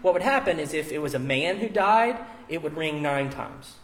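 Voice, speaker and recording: A man's voice: on the high side, lively intonation, normal speed, a bit bright. A man preaching as a pastor in a conversational, informal and explanatory way, with casual asides, at a live church service. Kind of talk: conversational sermon.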